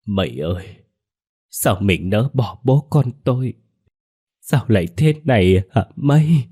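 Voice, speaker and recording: A man's voice: lowish voice, animated, unhurried, mellow, husky. A man voicing a hunchbacked village man of about thirty in a storybook ghost tale, speaking mournfully.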